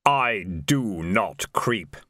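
A solemn supernatural figure of death, voiced by a male storyteller. He speaks extremely slowly, with grave, measured weight and no hurry at all. The sound is dry, like a storybook read close up. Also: lowish voice, expressive, pushed and bright, no room sound, pitched below the performer's own voice, full character voice. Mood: solemn, final. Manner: grave, drawn-out, measured delivery. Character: Death, a slow, solemn, unhurried supernatural being.

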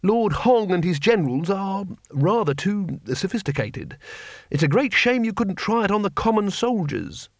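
A man voicing a courteous, tactful male diplomat who speaks in a measured way. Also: sits high, sing-song, no room sound, clean studio sound, pitched above the performer's own voice.

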